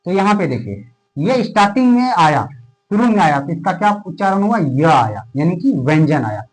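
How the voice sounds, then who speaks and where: Fairly high-voiced man teaching a class. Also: big pitch swings, poor audio. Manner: asks questions and answers them himself, repeats key terms; stretches words out slowly while writing. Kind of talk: classroom board lesson.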